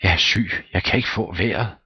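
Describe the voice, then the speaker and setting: A man's voice: low-pitched, husky, no room sound, highs cut off, voice pushed up. Frightened old manservant, voiced by a male reader. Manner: whimpering, pleading.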